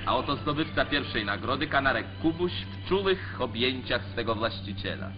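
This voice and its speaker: A man narrates an old 1940s newsreel in a formal, declamatory manner at a middling pitch. The sound is dull and lo-fi, with music running under his voice. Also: animated, normal speed. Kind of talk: scripted newsreel commentary.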